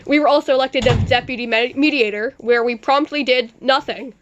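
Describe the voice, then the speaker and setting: A woman playing a sarcastic male news anchor, reading her reports in a deadpan tone with dry asides. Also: high-pitched, a little fast, dull audio. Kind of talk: amateur mock newscast.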